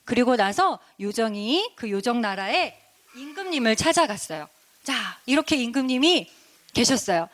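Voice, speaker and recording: A woman deacon telling a story in a children's sermon, animated and asking the children questions. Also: a little high, normal speed.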